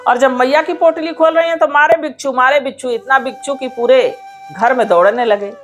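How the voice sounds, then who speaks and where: A woman's voice: high voice, moderate pace, soft background music. A woman narrating a devotional story in an earnest, sing-song manner and addressing her listeners directly.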